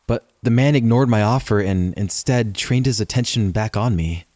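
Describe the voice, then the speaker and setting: A man's voice: on the low side, moderate pace, darkish tone, dry recording. Man narrating a horror story, dry close sound.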